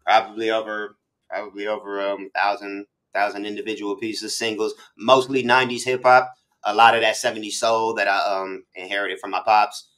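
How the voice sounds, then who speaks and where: This middle-aged American host keeps his hip hop interview casual, full of slang and spoken-aloud thoughts, from a memorabilia-filled little room on a video call. His pitch is fairly low and his delivery flat at a moderate pace, with a fairly bright tone, though the recording quality is poor.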